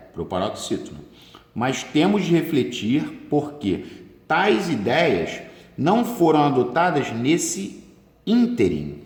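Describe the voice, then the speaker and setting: A man's voice: fairly high pitch, darkish tone. A man with a Brazilian Portuguese accent teaching a grammar lesson for exam prep, stretching words for emphasis. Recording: roomy echo with long reverb.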